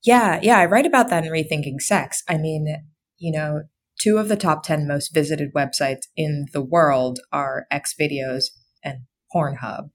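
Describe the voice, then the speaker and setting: Calming, low-pitched woman in an interview. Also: measured pace, slight background noise. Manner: informal, explanatory. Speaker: author, podcast guest. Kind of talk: conversational interview.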